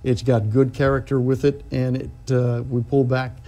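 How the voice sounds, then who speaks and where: Mellow-voiced male weather forecaster. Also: mid-range voice, little pitch movement, normal speed. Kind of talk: unscripted forecast analysis.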